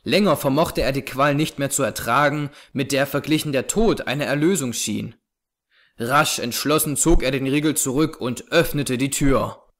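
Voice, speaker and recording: A man reading a classic novel aloud as narrator, with measured, suspenseful storytelling. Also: medium pitch, fairly bright tone.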